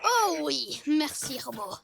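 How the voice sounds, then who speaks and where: A woman's voice: high-pitched, sing-song, slow pace, creaky, noisy background, heavily acted. A woman voicing a boastful, scheming boy mad scientist villain in a cartoon. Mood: scheming, indignant. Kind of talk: animated cartoon dub acting. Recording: music under the voice.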